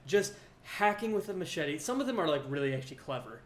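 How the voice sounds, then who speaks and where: A man's voice: fairly high pitch, very animated, fast. A man co-hosting a podcast, talking casually about horror movies, chatty with frequent filler words. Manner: chatty, laughs often, many fillers. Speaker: podcast co-host. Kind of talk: casual film discussion. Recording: echoey room with faint noise.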